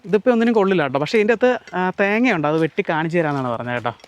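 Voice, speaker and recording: കേരളത്തിൽ നിന്നുള്ള ഒരു പുരുഷൻ, മലയാളി ഉച്ചാരണത്തോടെ, ഒരു കൃഷിയിടത്തിൽ നിന്ന് ക്യാമറയോട് സംസാരിച്ച് കാഴ്ചകൾ വിശദീകരിക്കുന്ന vlogger. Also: male voice, a little high, big pitch swings, racing, lo-fi sound. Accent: Malayali. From Kerala. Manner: chatty, explains to viewers and mixes in Tamil words. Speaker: vlogger. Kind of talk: casual walk-through vlog. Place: outdoors on a farm.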